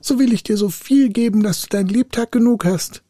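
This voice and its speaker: A man's voice: a little fast, mellow, dry recording, studio quality. Man doing Mercurius, a boastful bottle spirit. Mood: whining. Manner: booming threats, whining pleas. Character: huge boastful male bottle spirit, menacing yet wheedling.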